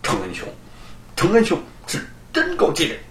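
An eager young friend, as a storyteller puts him on, bursting with admiring praise. The pitch leaps about and the recording has a roomy echo. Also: male voice, normal speed, a little hiss or hum. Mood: excited. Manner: excited, loud praise.

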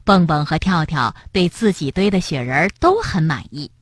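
A woman reading a children's storybook aloud in an expressive way, speaking to young listeners. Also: low voice, normal speed, a little hiss or hum.

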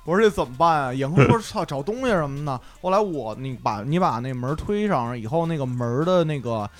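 A young man, a podcast co-host, telling a story in casual chat, excitable and swearing often. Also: mid-range voice, a little fast.

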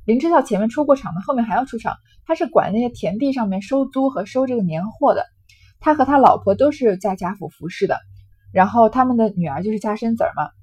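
A woman's voice: a little high, animated, quick pace, darkish tone, breathy edge. A woman explaining a classic novel, retelling its scenes in a conversational way with small fillers. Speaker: literature lecturer.

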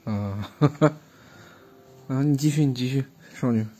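A man's voice: mid-range voice, takes it slowly, dark tone, faint music behind. A man with a Northeastern Chinese accent chatting at home, teasing and questioning a child as she tells her story. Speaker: parent listening to a child's story. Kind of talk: casual home chat.

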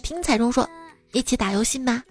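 A young woman hosting a comedy podcast, reading listener jokes in a lively, casual way and laughing at them. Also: on the high side, fairly quick.

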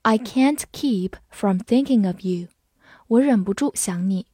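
A woman gives an unhurried vocabulary lesson, spelling each word letter by letter and then reading the examples aloud. Her pace is slow and deliberate. The sound is dry and close, with no room echo at all. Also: medium pitch, mellow, slightly rough. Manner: patient, spells words letter by letter and reads slowly. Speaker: English teacher.

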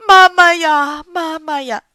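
A woman's voice: sing-song, a little slow, dry recording, clean studio sound. Woman doing frantic careless young mother Pang Sao. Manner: frantic, high and loud, crying out.

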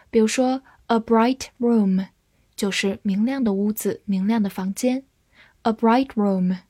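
A woman with a slightly high, slightly mellow voice teaches English vocabulary in a scripted lesson with no room sound. She spells each word letter by letter and reads the example sentences slowly.

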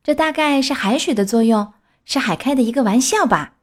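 Cheeky little wooden puppet boy, chatty and high, storybook voice, woman putting it on. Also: animated, fairly quick.

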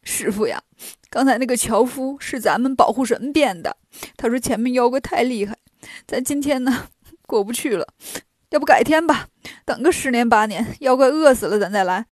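A woman voicing a clever, self-assured monkey hero who talks briskly. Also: a little high, animated, no room sound, clean studio sound. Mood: cocky.

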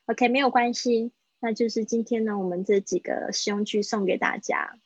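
A woman English teacher on a livestreamed lesson, chatting casually and repeating example phrases slowly for her students. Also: fairly high pitch, fairly even intonation, slightly rough, dry recording, highs cut off.

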